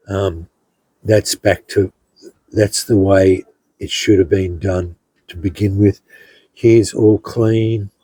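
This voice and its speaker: Slow, low-voiced man with a husky tone. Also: warm tone, no room sound, rough recording. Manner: unhurried, rambling, many ums and restarts. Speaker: hobby blacksmith showing his work. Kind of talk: casual show-and-tell narration.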